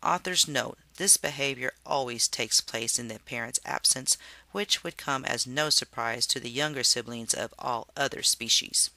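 An expressive read-aloud of a storybook for a science class, told playfully and with sound effects. The tone is very bright and crisp, and the recording is dry and close. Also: mid-range voice, moderate pace, dry recording.

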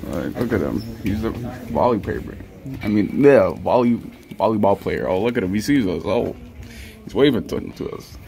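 A man's voice: fairly low pitch, animated, normal speed, gravelly, dark tone, faint music behind. A young man recording a casual school vlog on a phone held at arm's length, playful and laughing, repeating his words. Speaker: vlogger. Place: school hallways, indoors.

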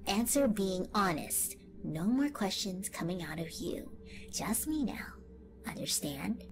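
A woman voicing a scheming, gloating evil lemon clone villainess in an online fan story, delivering a slow, menacing monologue in a whispery voice. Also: medium pitch, expressive. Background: music.

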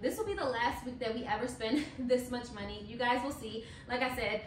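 Talking fairly quickly in a slightly high voice, a young vlogger shows off her groceries in her kitchen in a casual, chatty, matter-of-fact way. The camera sits a few feet off across the counter, giving a distant mic, roomy echo, and a touch of hiss or hum.

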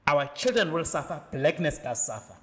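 A man's voice: a little high, big pitch swings, moderate pace, in a large hall. A man with a South African accent, speaking reflectively and persuasively as a podcast co-host in a casual panel talk. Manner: reflective, persuasive, mixes in Sesotho.

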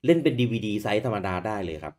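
A man with a low, deep voice talks through old game hardware in a loose, chatty podcast way. He keeps things relaxed and throws in casual swear words as he goes. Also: very fast. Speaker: podcast co-host. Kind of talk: casual chat about retro games.

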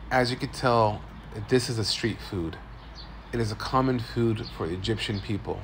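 Low gravelly-voiced man vlogging street food. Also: normal speed, a bit bright, a little hiss or hum. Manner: upbeat, tour-guide commentary. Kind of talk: casual walk-and-talk food narration. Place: outdoor street food stalls in a big city.

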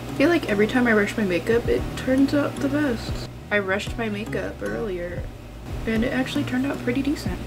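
A woman's voice: a little high, fairly quick, music in the background. A young woman talking casually to the camera at home about her day while getting ready. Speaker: vlogger. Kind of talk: casual vlog talk to camera.

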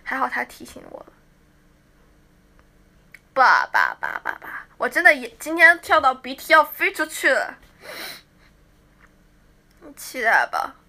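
A woman's voice: sits high, lively intonation, normal speed, pauses often, bright, forceful tone. A teenage girl idol chatting casually with fans on a livestream, playful and talkative. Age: teens. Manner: chatty, playful, mimics fans' teasing.

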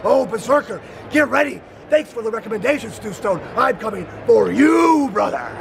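Very high, gravelly man's boastful wrestling promo. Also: animated. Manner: shouted, theatrical, boastful, drawn-out words. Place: large busy convention hall, indoors. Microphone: camera mic a few feet away. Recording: noisy convention hall background.

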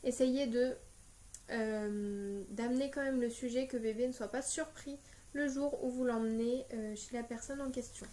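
A young woman from France giving casual parenting advice in a vlog, pausing often with fillers as she talks. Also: a little high, steady tone, mellow. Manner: hesitant, many filler pauses. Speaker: parenting vlogger.

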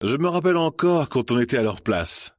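A man's voice: medium pitch, animated, a little fast, no echo, studio quality, voice pushed up, natural voice. A man voicing a nostalgic older guest reminiscing with an old friend in an audiobook. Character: nostalgic older former student at a reception.

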